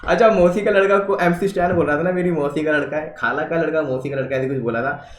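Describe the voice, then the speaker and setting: A man hosts a casual reaction video, reading social media posts aloud and commenting on each one. He mixes English phrases into his talk. His voice sits a little high, and the room around him is echoey. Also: quick pace.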